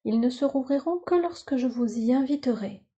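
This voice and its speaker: A woman guides a yoga nidra relaxation, her measured phrases calm, soothing and instructional. Her voice sits high with a slight roughness, and the recording has a lo-fi quality.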